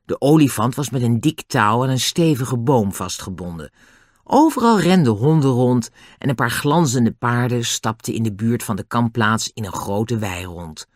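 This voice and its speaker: A narrator reading a children's storybook aloud. The delivery is expressive, with a pitch that rises and falls a great deal. The recording is dry and close. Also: normal speed, no room sound. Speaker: audiobook narrator.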